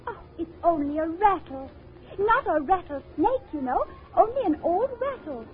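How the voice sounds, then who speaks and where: A woman playing a very high, prim young girl. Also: sing-song, moderate pace, slight background noise. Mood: earnest. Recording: tinny old record with faint music.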